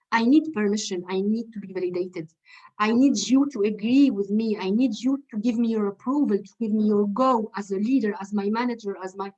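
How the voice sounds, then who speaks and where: Woman coach, higher register, patient step-by-step explainer who repeats her key questions; muffled lo-fi sound. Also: a little mellow. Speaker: leadership coach. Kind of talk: webinar lecture.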